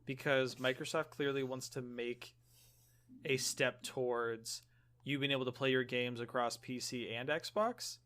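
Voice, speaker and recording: Young male podcast host, relaxed and chatty, mid-pitched, laughs easily. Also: unhurried. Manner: easygoing, laughs often. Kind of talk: casual gaming podcast chat.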